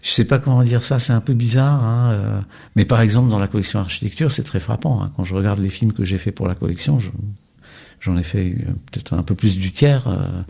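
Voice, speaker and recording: A French documentary filmmaker speaking reflectively in an interview, hesitant with many pauses and fillers. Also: male voice, lowish voice, gravelly, mellow, slightly rough.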